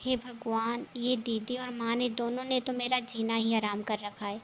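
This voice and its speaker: A woman voicing a gentle, put-upon young wife in a cartoon story. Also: on the high side, little pitch movement, moderate pace, a little hiss or hum, close to an everyday voice. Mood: pleading. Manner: pleading, gentle.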